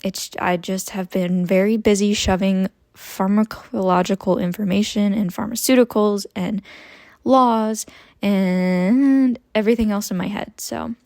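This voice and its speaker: A young woman in her twenties chatting casually about her book haul, expressive and prone to tangents. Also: mid-range voice, unhurried, creaky, no echo. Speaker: book vlogger. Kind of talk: casual chat about books.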